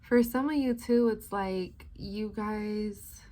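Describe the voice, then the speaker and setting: A woman's voice: medium pitch, fairly even intonation, takes it slowly, warm tone. A woman giving a casual, chatty spiritual reading in a laid-back, slangy stoner manner, rambling and drawing out words. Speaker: tarot-style spiritual advice reader.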